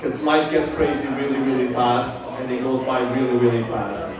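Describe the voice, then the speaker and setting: At a party, a Vietnamese-born man in his fifties whose first language is Vietnamese gives a birthday speech to his guests, halting often with many fillers and restarts. His medium-pitched voice stays steady, picked up by a distant mic in an echoey large room with a crowd in the background.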